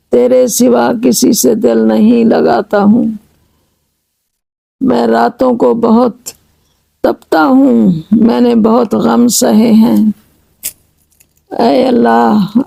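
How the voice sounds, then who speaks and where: A woman slowly chanting devotional verses in a pleading tone, then explaining each line in measured speech. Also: fairly high pitch, vocal fry, dark tone, dry recording, poor audio. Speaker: religious reciter and translator. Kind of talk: devotional recitation with line-by-line translation.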